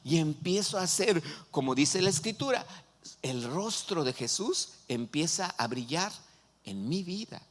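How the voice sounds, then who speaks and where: A man's voice: fairly high pitch, lively intonation, measured pace. A man, a pastor preaching a sermon who keeps asking the congregation questions. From Mexico. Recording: long hall reverb.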